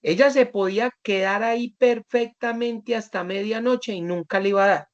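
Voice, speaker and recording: Hombre, profesor, clase en línea, cuenta anécdotas con voces de alumnos, sonido apagado. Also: male voice, high voice, fairly even intonation, normal speed, highs cut off. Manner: patient, acts out students in anecdotes. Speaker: teacher. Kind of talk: online class, explaining to students.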